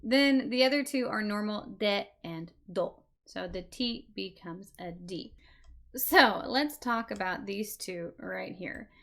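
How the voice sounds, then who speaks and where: A woman's voice: medium pitch, takes it slowly, fairly bright tone. A woman giving an online beginner Japanese lesson, patiently repeating example words and often checking in with "right?". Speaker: Japanese language teacher.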